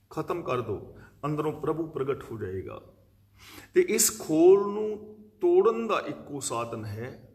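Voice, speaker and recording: A man's voice: a little high, a little mellow. A man giving a religious discourse, explaining scripture verse by verse and reciting long lists of words. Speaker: preacher giving scripture commentary.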